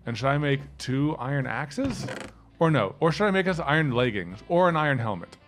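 This is a man chatting through a video game session on stream. He gets excitable fast, tripping over his words and repeating himself, and his pitch swings widely. Game music plays clearly behind him. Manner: excitable, quick exclamations and stammered repeats. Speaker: gaming channel co-host. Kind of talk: casual let's-play chat.

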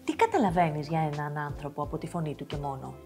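A woman's voice: deep voice, lively intonation, warm tone, faint music behind. A woman hosting a TV talk show, curiously asking her guest follow-up questions. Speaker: TV show host.

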